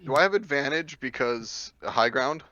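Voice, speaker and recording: A man's voice: medium pitch, expressive, moderate pace, bright, forceful tone, no room sound, muffled recording. A man playing a tabletop game, eagerly explaining the rules in casual chat.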